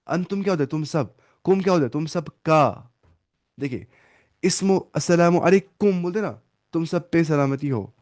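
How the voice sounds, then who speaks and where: A man's voice: a little high, darkish tone. Man drilling Arabic pronouns in Hindi. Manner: repetitive drilling with hand gestures; asks students questions often. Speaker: Arabic teacher. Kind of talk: online lesson, explaining grammar in Hindi.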